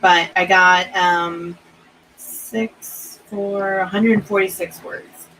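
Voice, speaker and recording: A woman's voice: lowish voice, fairly even intonation, extremely slow, bright, forceful tone, slight background noise, poor audio. A woman hosting a casual writing chat over a video stream, talking in loose, laughing stories with trailing restarts.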